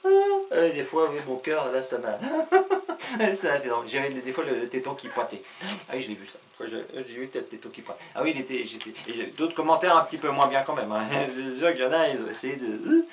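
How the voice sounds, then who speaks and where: A man's voice: mid-range voice, animated, slight background noise. A man hosting his own video channel in a casual comic monologue, rambling with many hesitations and frequent chuckles. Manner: talks fast.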